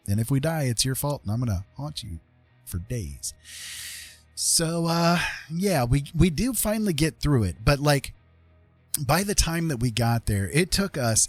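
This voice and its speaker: This is a male American livestream host telling a meandering personal anecdote in a relaxed, lively way, often repeating phrases to stress them. He speaks at a medium pitch, and the audio is dry.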